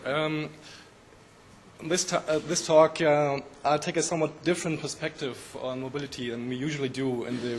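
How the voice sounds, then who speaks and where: Hoarse man giving a halting tech talk. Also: mid-range voice, a little hiss or hum. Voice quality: croaky. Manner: halting, many ums and uhs. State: hoarse from a flu. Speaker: conference speaker. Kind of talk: technical conference presentation.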